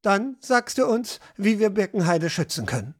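A woman's voice: medium pitch, big pitch swings, moderate pace. A woman reading an audiobook, voicing a firm, commanding male village mayor in a raised voice. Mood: decisive. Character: authoritative male village mayor, calm organizer.

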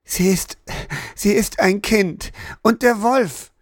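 A man's voice: high voice, slow, no echo, studio quality, voice pushed up. Man playing an agitated, stammering boy. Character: anxious boy, protective older brother.

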